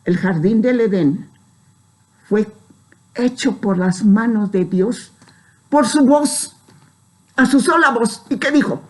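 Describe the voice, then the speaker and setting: A woman pastor preaching at an unhurried, deliberate pace. Her voice sits fairly high, and it climbs further whenever she reads scripture aloud. She keeps the congregation with her through frequent short check-in questions. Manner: preaching with emphatic rises on scripture, frequent "¿sí?" tags. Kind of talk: sermon.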